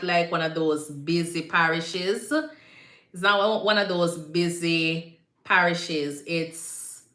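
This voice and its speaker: A woman's voice: lowish voice, bright, forceful tone. A woman with a Jamaican accent, a nurse hosting a casual live Q&A, chatty and repetitive, slipping into patois phrasing now and then. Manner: chatty, repeats herself, slips into patois phrasing. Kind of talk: casual live-stream chat answering viewer comments. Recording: echoey room.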